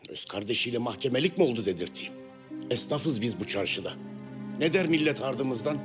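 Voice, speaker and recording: A man's voice: mid-range voice, animated, brisk, over music, close to an everyday voice. Indignant middle-aged tradesman played by a man. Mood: aggrieved. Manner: indignant complaining. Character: aggrieved middle-aged male felt-maker tradesman. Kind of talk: historical drama acting.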